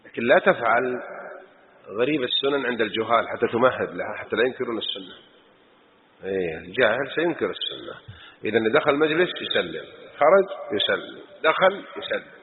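A man's voice: mid-range voice, animated, a little fast, slight background noise. A man teaching a mosque lesson, admonishing with rhetorical questions. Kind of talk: religious lesson. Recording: tinny phone-like recording in a reverberant hall.

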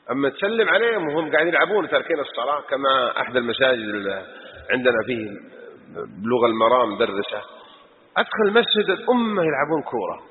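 Teaching a mosque lesson, this man scolds with rhetorical questions in a medium-pitched voice. The audio is tinny, like a phone recording, in a hall full of reverb, with slight background noise.

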